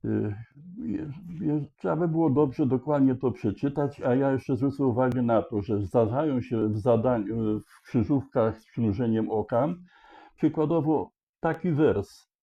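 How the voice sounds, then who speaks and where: A man slowly walking through how to solve a word puzzle, thinking aloud with frequent hesitations and restarts. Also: mid-range voice. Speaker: puzzle solver explaining a charade. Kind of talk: slow explanatory walkthrough. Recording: dull lo-fi sound.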